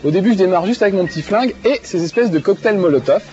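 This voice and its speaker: A man's voice: high-pitched, expressive, fast talker, dark tone. A male TV video game show host who chats enthusiastically and laughs often while playing a game, with many fillers. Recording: dull TV broadcast audio with faint music.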